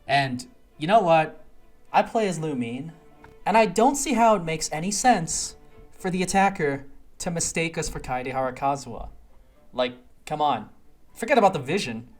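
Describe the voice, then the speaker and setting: Over background music, a casual video game reviewer offers opinionated, improvised commentary on a quest. The voice is medium-pitched and expressive, at a moderate pace.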